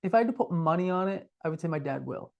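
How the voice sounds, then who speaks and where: With a quick pace, lively intonation and a slightly high, creaky voice, this middle-aged podcast co-host looks back on his past. He's candid and reflective, often putting himself down, in a relaxed back-and-forth conversation.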